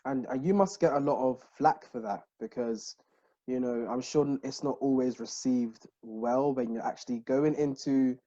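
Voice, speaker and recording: A man hosting an interview in a casual, excitable way, often restarting his sentences. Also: medium pitch, moderate pace, lo-fi sound. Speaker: host.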